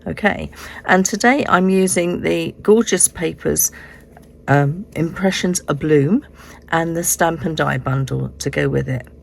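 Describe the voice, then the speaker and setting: Demonstrating crafts indoors at a craft desk, a woman hosts a card-making tutorial. Still recovering from illness, she has a low, hoarse voice, croaky like a frog, and explains things step by step at an unhurried pace.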